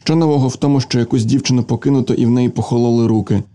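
A man voicing a gentle, hopeful young man who speaks earnestly and tenderly, consoling a girl. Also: mid-range voice, steady tone, very fast, lightly acted.

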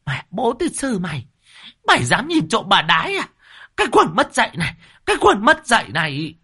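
A man voicing a shrill, furious middle-aged village woman, screeching curses in a told ghost-comedy story. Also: animated, moderate pace, bright, forceful tone, full character voice. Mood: shrieking furious. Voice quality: screeching, cursing.

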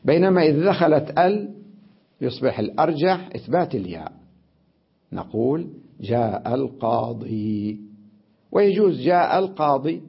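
Gravelly husky guy teaching a grammar class, keeps checking if you got it, dull lo-fi sound. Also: medium pitch. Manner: explains patiently, often checks understanding, slows down to demonstrate recitation. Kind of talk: classroom lesson on Quranic recitation and grammar. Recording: dull lo-fi lesson recording.

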